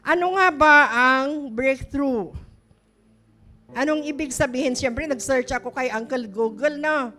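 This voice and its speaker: A woman's voice: sits high, measured pace, pushed and bright. A middle-aged woman pastor, preaching a chatty, story-filled sermon that often questions the congregation. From Philippines.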